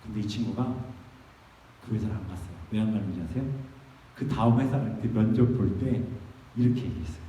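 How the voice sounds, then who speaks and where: A man's voice: lowish voice, a little fast, pauses often, dark tone, a little hiss or hum. A man pastor preaching a sermon, urging his listeners on with fervor and then telling a story with acted dialogue. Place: church sanctuary. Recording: echoey hall, voice from far off.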